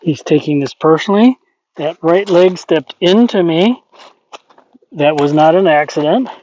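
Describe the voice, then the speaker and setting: A man working as a horse trainer, calmly explaining a training session and talking softly to the horse in between. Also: on the high side, unhurried. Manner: calm, explanatory, talks to the horse between points. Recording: dull, lo-fi with faint noise.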